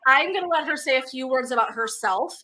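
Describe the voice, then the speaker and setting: A woman's voice: high-pitched, expressive, a little fast, bright, forceful tone. A woman hosting a live video stream, chatting in a bubbly, effusive way. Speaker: host.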